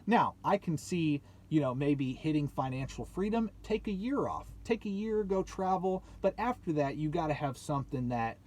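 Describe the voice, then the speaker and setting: Speaking to viewers in a motivational vlog, a YouTube host in his late twenties is emphatic, repeats his points and asks rhetorical questions. His voice sits high and is expressive and slightly mellow, with a moderate pace and hardly any pauses.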